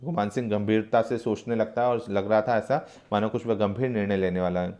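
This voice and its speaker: A man's voice: lowish voice, steady tone, a little fast, mellow. Male teacher, reads each line of a play and then paraphrases it. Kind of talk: reading a play aloud and explaining it.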